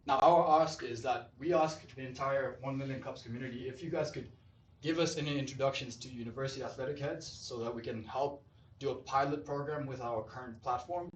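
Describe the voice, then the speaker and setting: A man from Zimbabwe, a startup founder, pitching his company and then answering audience questions with eager, salesy energy. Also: fairly quick. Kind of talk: pitch presentation and Q&A. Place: event hall. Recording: roomy hall, distant mic, faint noise.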